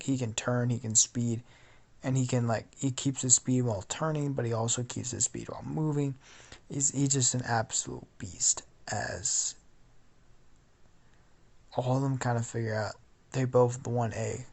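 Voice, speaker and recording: A man's voice: mid-range voice, creaky, slightly rough. A sleepy young man rambling as he narrates a fan-fiction story, full of fillers and restarts.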